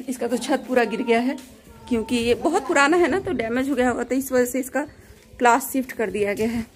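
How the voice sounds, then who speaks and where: A woman's voice: fairly high pitch, normal speed. A middle-aged woman from Bihar with a Bihari Hindi accent, vlogging on a walk through an old village school while guiding her son. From Bihar, India. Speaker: vlogger and mother. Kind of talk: casual walking vlog. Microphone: phone held at arm's length.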